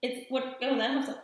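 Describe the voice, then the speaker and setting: A woman presenting a children's church session, playful and giggly, then slow and gentle as she leads a prayer. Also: high voice. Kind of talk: children's talk and guided prayer. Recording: very echoey room.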